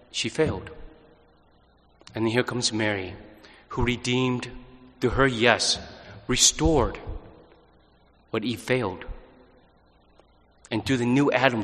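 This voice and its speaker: A man speaks as a priest, reading and preaching with solemn, measured phrasing. His mid-pitched voice rings through a large church with a long, cathedral-like echo trailing his words. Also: fairly bright tone. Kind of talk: liturgical gospel reading and homily.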